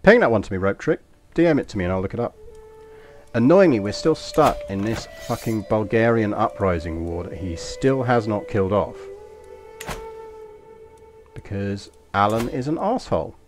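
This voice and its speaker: A man with an English accent talks through a strategy game on a live stream. His voice sits fairly low, and he drifts into anecdotes and swears offhandedly. Faint music plays behind him. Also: lively intonation, normal speed. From East London. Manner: rambling, anecdotal, swears casually. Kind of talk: casual live-stream commentary.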